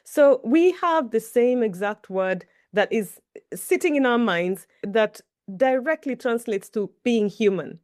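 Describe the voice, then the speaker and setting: A middle-aged Kenyan woman, a native Kikuyu speaker, appears as a guest answering interview questions in a thoughtful, storytelling way. Her voice is a little high, animated and darkish in tone, at a measured pace, recorded in studio quality with no room sound.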